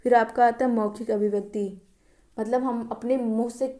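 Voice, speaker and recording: Woman, teacher, exam-prep lecture, slightly high voice, mellow tone, self-answered questions, repeats key terms. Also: steady tone, normal speed.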